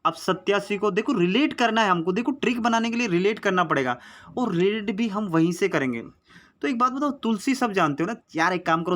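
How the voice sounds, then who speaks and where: With a high, slightly bright voice, a man teaches exam mnemonics in a chatty, coaxing Hindi lesson recorded on a phone. He keeps repeating his memory tricks and keeps addressing his viewers as friend.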